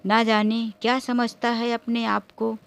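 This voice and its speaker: A woman's voice: medium pitch, unhurried, natural voice. Woman reading as a stubborn, angry young wife. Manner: indignant, sharp.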